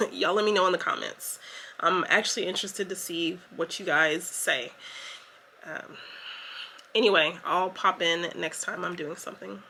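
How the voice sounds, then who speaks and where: A woman's voice: lowish voice, steady tone, a little slow, pushed and bright, slight background noise. A young woman, telling a story to her vlog camera in a chatty, emotional way with lots of fillers. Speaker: vlogger. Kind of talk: casual story time to camera.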